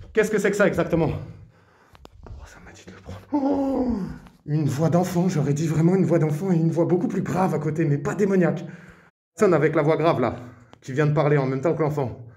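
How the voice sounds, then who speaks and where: A man from Morocco narrating a night exploration of an abandoned house, speaking in hushed tones, often whispering and murmuring Arabic invocations. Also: a little high, normal speed. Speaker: paranormal explorer.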